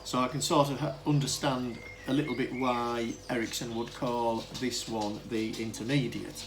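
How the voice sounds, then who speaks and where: A mid-range, fairly monotone male voice at a moderate pace explains vintage telephone equipment in an unscripted hobbyist demo. He rambles, hesitates, and often cuts himself off, all on a clearly noisy amateur camera recording.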